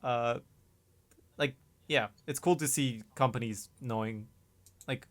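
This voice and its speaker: A man's voice: medium pitch, slow. A young man co-hosting a podcast in casual chat, rambling with fillers and laughing often. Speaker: podcast co-host.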